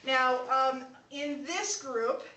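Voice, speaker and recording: A young adult woman, a college instructor, gives a chatty, informal classroom lecture, laughing often and restarting sentences. Her voice is high, bright, steady, and forceful, with drawn-out words. A distant room mic makes it sound echoey, as if heard from far off.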